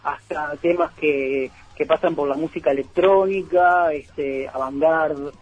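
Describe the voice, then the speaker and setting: Husky guy on the radio, lots of "este" and restarts, a bit high, dull lo-fi sound. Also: steady tone, measured pace. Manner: hesitant, many fillers. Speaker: music label guest. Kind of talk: radio interview talk.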